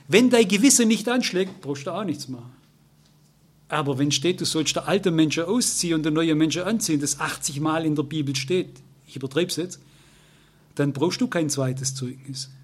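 A man's voice: fairly high pitch, slightly rough. An older man with a Swabian accent preaching a sermon, talking emotionally and turning to his listeners again and again. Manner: emotional, addresses listeners directly, repeats "you know".

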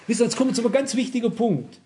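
A man's voice: extremely high pitch, animated, warm tone. A man preaching a sermon, reasoning with examples, reading Bible verses aloud and often asking the congregation "wisst ihr?". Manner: measured, cautious reasoning with examples.

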